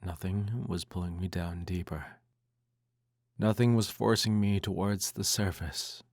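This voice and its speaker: A man in an ASMR role-play reads a bedtime story aloud in a soft, intimate, hushed voice that slips into speaks softly. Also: low voice, steady tone, measured pace, dry recording, clean studio sound.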